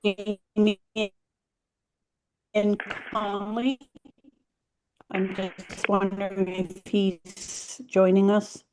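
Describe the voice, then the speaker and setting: A woman's voice: medium pitch, level tone, drawn-out words, pauses often, darkish tone, low-quality recording. Woman on a choppy, breaking-up call. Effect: choppy, breaking-up video call audio. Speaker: remote meeting participant. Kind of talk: meeting remarks over a call. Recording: remote call line with dropouts.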